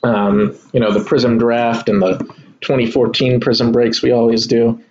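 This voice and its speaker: A man hosts a live sports card break at a kitchen table indoors, opening boxes and talking casually to viewers, whom he relaxedly and chattily calls y'all. His voice is mid-range and unhurried, with lo-fi sound.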